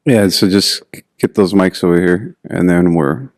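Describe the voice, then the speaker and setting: A man's voice: sits low, unhurried, no room sound. A man hosting a podcast and asking a guest friendly, easygoing questions. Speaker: podcast host. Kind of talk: casual podcast interview.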